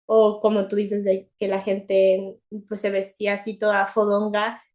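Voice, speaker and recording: A young woman with a Mexican accent, co-hosting a podcast in a chatty, animated way and laughing often. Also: mid-range voice, unhurried. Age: young adult. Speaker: podcast co-host. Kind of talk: casual chat.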